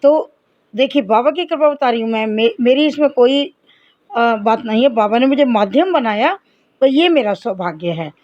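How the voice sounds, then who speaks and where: A woman's voice: fairly high pitch, expressive, normal speed, darkish tone, dry recording. Middle-aged woman, earnest devotional storyteller, talks to listeners as companions, dry and slightly dull recording. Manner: earnest, addresses listeners as companions, reenacts dialogue. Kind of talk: personal testimony storytelling.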